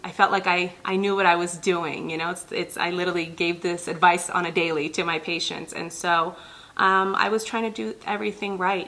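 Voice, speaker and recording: In a rough recording, a fairly low, gravelly, somewhat bright-toned woman talks to camera on her own channel. She's an Ethiopian pediatric nurse practitioner in her thirties, addressing viewers earnestly and filling pauses with lots of ums.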